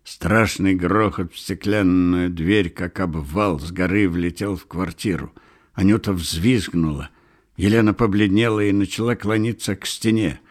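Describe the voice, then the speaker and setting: A man reading a novel aloud as an audiobook narrator, measured and expressive. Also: sits low. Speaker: audiobook reader. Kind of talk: scripted literary narration.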